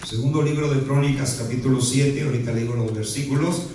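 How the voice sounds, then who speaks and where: A man's voice: mid-range voice, fairly even intonation, fast talker, mellow, slight background noise. A pastor preaching a sermon to his congregation, often tagging his sentences with a questioning aside and joking in between. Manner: peppers speech with "¿verdad?" and playful asides. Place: church sanctuary. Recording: very echoey hall, voice from far off.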